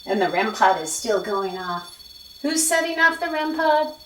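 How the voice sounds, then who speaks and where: Higher-voiced woman questioning spirits, echoey and distant. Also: sing-song, moderate pace, a bit bright. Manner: repeats and interprets short replies, asking question after question. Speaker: paranormal investigator hosting a spirit box session. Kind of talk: questioning spirits aloud, pausing for replies. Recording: echoey, distant mic, noisy with clicks.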